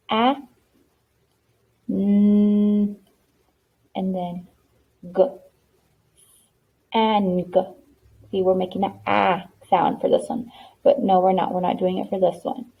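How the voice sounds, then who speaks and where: A woman's voice: mid-range voice, warm tone, slightly rough. A woman teaching a spelling lesson, patient and encouraging, sounding out letters one by one. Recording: tinny lo-fi phone-like sound.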